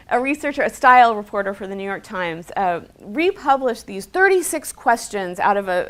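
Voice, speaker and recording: A woman speaking as a lecturer in an informal, conversational and explanatory way, with emphasis on her points. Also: medium pitch. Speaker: speaker on mental health and digital habits.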